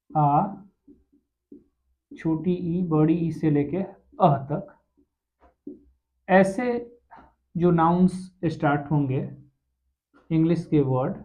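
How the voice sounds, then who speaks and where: A man teaching an English grammar lesson, explaining slowly and asking rhetorical questions. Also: high-pitched. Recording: tinny phone-like sound.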